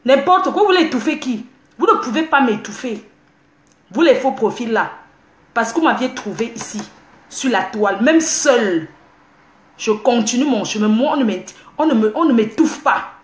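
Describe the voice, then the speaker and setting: A woman's voice: a little high, lively intonation, normal speed. A woman, ranting defiantly on a livestream from home, repeating herself indignantly. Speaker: social media livestreamer. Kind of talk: heated livestream rant. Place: at home, indoors. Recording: echoey room.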